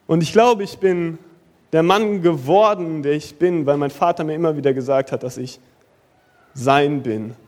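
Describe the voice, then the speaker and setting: A young man preaching a sermon in a casual, youthful way, dropping in English slang and moving between lively bursts and soft, slow passages. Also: a little high. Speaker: pastor.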